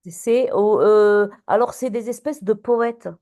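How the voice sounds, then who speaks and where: A woman's voice: medium pitch, slow pace, mellow. A woman teacher giving a classroom lesson on poetry, patient and questioning, with many fillers and restarts.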